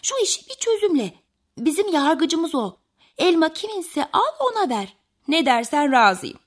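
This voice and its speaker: A woman voicing a hungry, pushy little rabbit in a high, whiny voice. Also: big pitch swings, a little slow. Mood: eager.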